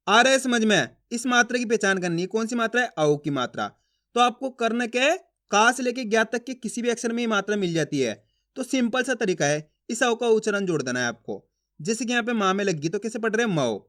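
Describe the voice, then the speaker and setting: A man teaching Hindi reading, slowly sounding out syllables and often asking the viewer if it is clear. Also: very high voice. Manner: stretches syllables, calls out sounds loudly while sounding out words; asks the viewer frequent check questions. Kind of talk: slow step-by-step classroom instruction.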